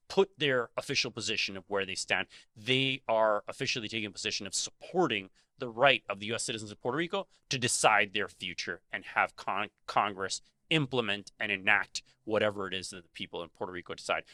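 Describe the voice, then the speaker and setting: A man co-hosting a podcast, speaking in a measured way with many pauses and fillers. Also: lowish voice, sharp tone, dry recording. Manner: measured, many ums and you-knows. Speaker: podcast co-host. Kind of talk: conversational advocacy discussion.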